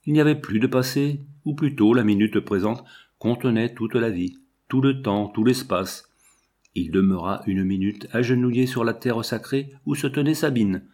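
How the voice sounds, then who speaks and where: A man reading a classic novel aloud in a measured, expressive way. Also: mid-range voice. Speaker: audiobook reader. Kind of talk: scripted narration.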